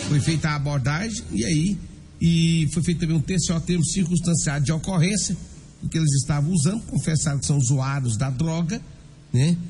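This Brazilian man presents a radio crime-news programme in a chatty, informal way, reading news and live ads directly to his audience. His voice leans high and mellow, backed by music.

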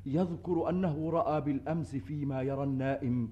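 A man playing a respectful royal courier who reports formally and with measured care in a classical Arabic drama. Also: on the high side, fairly even intonation, lo-fi sound, lightly acted. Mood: measured, wondering. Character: deferential royal courier reporting to his king. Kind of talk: theatrical classical Arabic radio drama acting.

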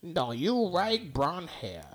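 A woman's voice: on the low side, big pitch swings, slow pace. A woman from Puerto Rico, a podcast guest in casual chat, playful and joking around. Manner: playful, jokes around with silly voices.

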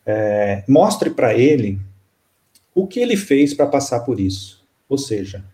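A man, a spiritist counselor, telling a story in an interview in a calm, halting way with many fillers. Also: mid-range voice.

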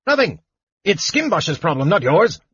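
A man voicing a fussy, excitable male gnome official who chatters fast, explaining everything eagerly. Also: fairly high pitch, husky, dry recording, lo-fi sound, pitched above the performer's own voice, full character voice.

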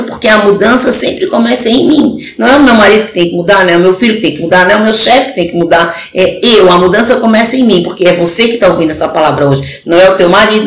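Woman preacher, earnest and exhorting, gravelly edge, recorded in an echoey room. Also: mid-range voice, a little hiss or hum. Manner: earnest, exhorting, addresses the listener directly. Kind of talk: sermon on a live stream. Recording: echoey room with faint ambience.

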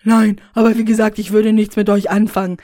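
A woman's voice: medium pitch, flat delivery, fairly quick, warm tone, no echo, studio quality, lightly acted. A woman voicing an arrogant, whiny, pudgy male YouTuber in a story reading, protesting indignantly. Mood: smug.

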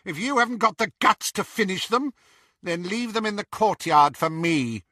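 A man's voice: lively intonation, normal speed, sharp tone, no echo, clean studio sound, full character voice. A man voicing a cruel, unhinged woman who shrieks and barks orders. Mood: shrieking, commanding. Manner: shrill, screaming, commanding.

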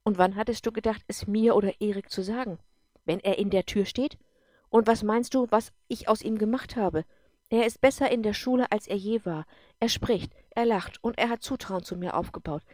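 A woman doing a calm, firm mother. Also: medium pitch, normal speed, no echo, natural voice. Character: caring foster mother, calm but firm. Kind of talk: audiobook character voice.

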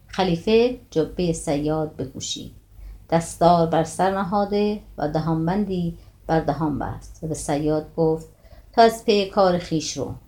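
A woman reading a classical tale aloud in a steady, old-fashioned literary manner. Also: low voice. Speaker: storyteller.

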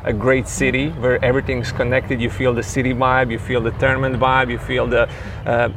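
A man's voice: medium pitch, little pitch movement, brisk, gravelly, noisy background. A man from Croatia with a Croatian accent, a tennis coach talking in a casual interview in a thoughtful, rambling way with many fillers.

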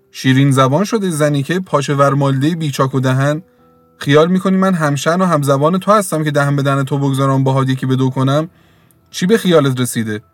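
A man's voice: fairly high pitch, no room sound, voice pushed up, close to an everyday voice. Scornful bullying village creditor, voiced by a man. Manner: scornful, threatening.

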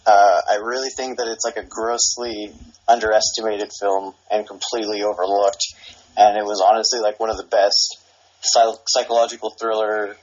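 A man talking casually over a dull, muffled speakerphone line. His voice sits a little low and sounds husky. He rambles in a relaxed way, swears freely and leans on lots of fillers. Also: normal speed. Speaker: cousin reviewing movies. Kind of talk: casual chat.

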